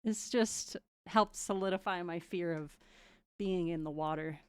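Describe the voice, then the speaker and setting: A woman's voice: fairly low pitch, unhurried, clear, resonant tone, no echo. A young woman streaming her first tabletop game, chatting casually in a bubbly, giggly way with frequent restarts. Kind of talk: casual chat.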